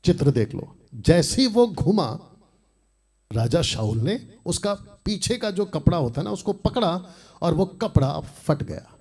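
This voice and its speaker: A man preaching a sermon, fiery and defiant, swinging between loud emphatic lines and hushed asides. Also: fairly high pitch, big pitch swings, unhurried. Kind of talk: Hindi sermon teaching.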